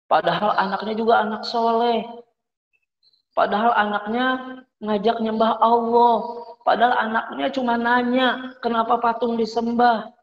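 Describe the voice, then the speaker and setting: A man telling a religious story to children, animated and often asking them questions. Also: very high voice, unhurried, long pauses, highs cut off. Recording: echoey room with long reverb.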